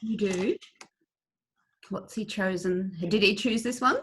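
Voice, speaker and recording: A woman's voice: mid-range voice, takes it slowly, fairly bright tone, slight background noise. A middle-aged woman chatting casually as a co-host, recorded indoors at home over a video call. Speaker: co-host of a craft video blog. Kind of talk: casual chat, short responses.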